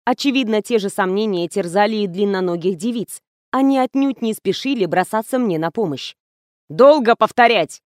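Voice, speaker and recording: A woman telling a comic first-person story with lively, ironic delivery. Her voice sits at a middle pitch. The sound is dry and close, with no room echo. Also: a little fast. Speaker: audiobook narrator. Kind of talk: scripted narration.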